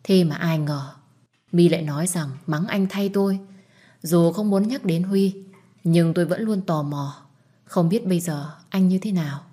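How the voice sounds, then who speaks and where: A woman calmly narrating a first-person story as an audiobook, husky and reflective. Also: lowish voice, normal speed.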